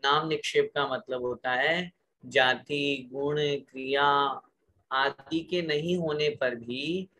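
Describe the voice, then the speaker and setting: A man's voice: medium pitch, fairly even intonation, slow pace, sharp tone. A man teaching a scripture lesson, reciting a sutra word by word and asking the class to repeat each phrase aloud.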